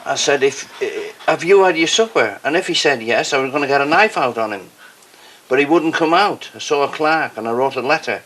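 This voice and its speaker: A man telling a rambling anecdote in a rushed, agitated way. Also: medium pitch, lively intonation, a bit bright, a little hiss or hum, rough recording.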